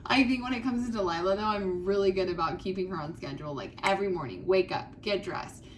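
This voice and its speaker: A woman's voice: medium pitch, fast talker, rough recording. Chatty woman co-host with background noise. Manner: chatty, laughing, loose filler-heavy talk. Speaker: podcast co-host. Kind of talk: casual chat.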